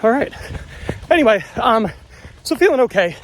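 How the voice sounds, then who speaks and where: A man's voice: very high-pitched, sing-song, normal speed, slight background noise, rough recording. A man talking casually to a handheld phone while running outdoors on a trail, vlog style, sounding effortful. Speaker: running vlogger. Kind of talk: casual vlog talk to camera.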